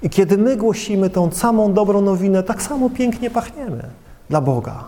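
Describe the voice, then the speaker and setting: A man preaching a sermon with passion and emphasis, using dramatic pauses and addressing his listeners directly. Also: high-pitched, expressive, dark tone. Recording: long reverb of a large hall.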